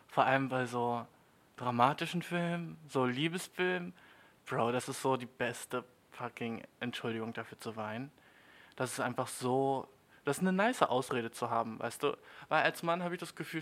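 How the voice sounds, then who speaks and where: A young man in a comedic monologue, talking in rambling street slang. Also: a bit bright. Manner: slangy, rambling, jumps to high squeaky mock voices.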